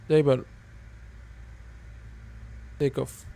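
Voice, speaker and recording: A man with a low, gravelly voice gives clipped pilot-style cockpit callouts as he works through his checklist. The tone is dark and relaxed, with a faint hum behind him. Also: very slow. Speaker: flight sim player flying online.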